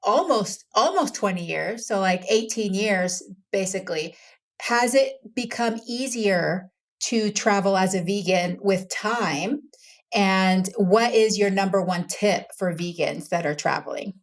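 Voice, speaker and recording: A woman's voice: medium pitch, measured pace. Female interview host, enthusiastic and supportive, casual conversation. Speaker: podcast host.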